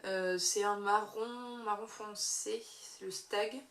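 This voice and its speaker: A woman's voice: mid-range voice, fairly even intonation, slow pace, a bit bright. A young woman chatting casually about her favorite makeup, hesitating often with fillers. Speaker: beauty vlogger. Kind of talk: casual monthly favorites review. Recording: echoey room.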